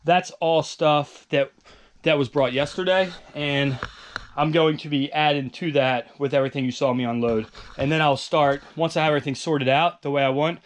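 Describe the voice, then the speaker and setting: A man's voice: on the high side, steady tone, normal speed. A man casually walking through his basement resale stock in a vlog, loose and rambling with lots of fillers. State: out of breath. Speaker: online reseller vlogger. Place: home basement storage room.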